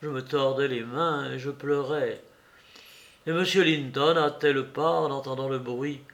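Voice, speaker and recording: A man narrating a classic novel in a measured, expressive way. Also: mid-range voice, creaky. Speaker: audiobook reader. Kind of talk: literary narration.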